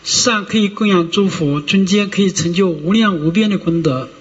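A male monk with a high-pitched voice gives a discursive Buddhist sermon, filling pauses with many drawn-out "ah" sounds and rhetorical "you know?" checks to see if listeners follow. The audio is dull and lo-fi, with a long hall reverb.

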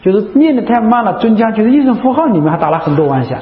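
A man's voice: high voice, very animated, racing. A man, a Buddhist monk, giving a chatty, repetitive dharma talk full of rhetorical questions. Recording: echoey hall, dull lo-fi sound.

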